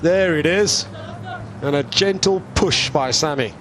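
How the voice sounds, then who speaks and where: High-pitched, unhurried male cricket commentator. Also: noisy background. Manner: measured, clipped short phrases. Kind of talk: live sports commentary.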